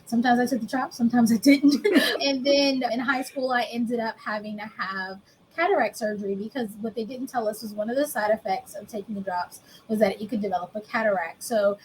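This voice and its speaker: A woman's voice: a little high, steady tone, fairly quick, slight background noise, rough recording. A woman in her thirties from the United States, candidly telling her own story as an interview guest, plain and self-mocking. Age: 30s. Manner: candid, explains plainly, laughs at herself.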